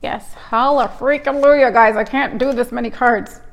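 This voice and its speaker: Gravelly-voiced woman reading cards live. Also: on the high side, fairly even intonation, moderate pace. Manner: chatty, rambling, hyper and self-interrupting. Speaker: tarot card reader hosting a live stream. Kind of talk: casual live-stream card reading.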